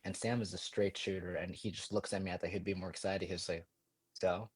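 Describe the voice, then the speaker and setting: Deep, flat-voiced young man telling stories. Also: husky, no room sound. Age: 20s. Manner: quick, energetic retelling with many fillers. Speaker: podcast guest. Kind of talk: casual storytelling.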